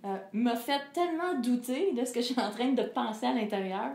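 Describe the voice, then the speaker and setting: A middle-aged singer with a Québécois French accent speaks as an interview guest in a candid personal conversation, earnest and reflective, often hesitating and laughing as she talks. Her voice is a little high, animated and fairly quick, creaky with a darkish tone. She's indoors in a living room with a fireplace, and the room echoes with faint hiss.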